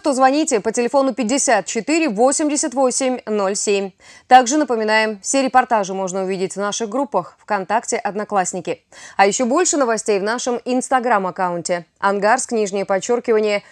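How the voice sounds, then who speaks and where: Woman, news anchor, measured scripted reading, higher voice.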